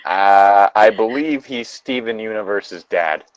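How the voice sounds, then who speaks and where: A man's lowish, clean-toned voice moves slowly through a fan fiction reading, punctuated by casual jokes and wry comments. He's recorded close on dry, slightly lo-fi audio.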